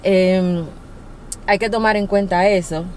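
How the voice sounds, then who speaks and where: A woman's voice: medium pitch, fairly even intonation, takes it slowly, slight background noise. A young adult woman giving casual, encouraging language-learning tips as a vlogger, often laughing as she talks. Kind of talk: casual to-camera advice talk.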